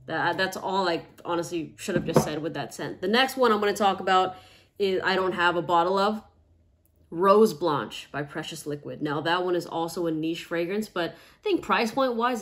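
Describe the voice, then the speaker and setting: A woman's voice: on the low side, normal speed. A woman chatting casually in a product review vlog, emphatic, tagging her points with "okay?". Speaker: fragrance reviewer.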